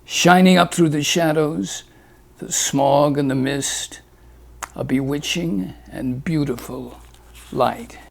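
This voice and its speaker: A storyteller reads a rhyming fable aloud in a lilting, rhythmic way. He takes his time, very unhurried, and his gravelly voice sits slightly higher than most men's.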